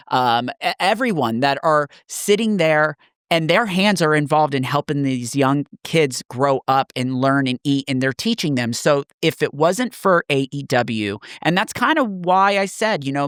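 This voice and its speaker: A man's voice: on the high side, a bit bright, clear, resonant tone, no room sound, studio quality. A man co-hosting a casual podcast, speaking earnestly and emphatically, often repeating phrases for weight. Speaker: podcast co-host.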